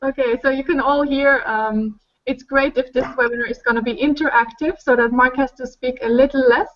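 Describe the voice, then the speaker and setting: A woman with a high voice hosts an online webinar and calls on people one by one in a friendly, organized way. The audio has the dull, muffled sound of a video call. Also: steady tone, brisk, slight background noise. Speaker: webinar host.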